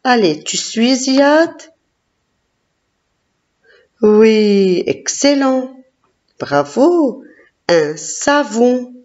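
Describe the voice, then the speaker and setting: A woman teacher leading a classroom phonics lesson, slowly sounding out syllables and praising each child. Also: fairly high pitch, darkish tone. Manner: slow, encouraging, sounding out syllables. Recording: dull lo-fi recording.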